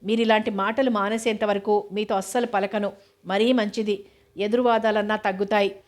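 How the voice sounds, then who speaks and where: A shy, affectionate young wife who scolds gently, as a woman reads her from a storybook. The voice stays flat and even, at a middle pitch. She sounds bashful and soft in her scolding. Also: normal speed, close to an everyday voice.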